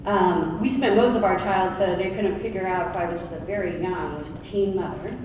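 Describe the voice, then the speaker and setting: A woman in her thirties speaks as a panelist in a large conference hall, candid and chatty with little asides, her voice a bit low. She is picked up from far off, with heavy room echo and steady background noise. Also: moderate pace. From Oregon, United States.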